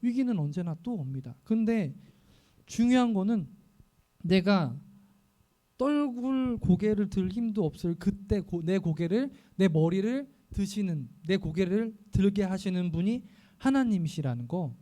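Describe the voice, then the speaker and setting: A male pastor preaching an earnest sermon, often voicing prayers aloud and pausing with fillers. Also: high-pitched, lively intonation, warm tone.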